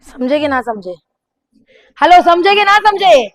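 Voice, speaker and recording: A woman preacher giving a fervent sermon to a congregation, urging them with shouted commands. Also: very high voice, big pitch swings, a little slow.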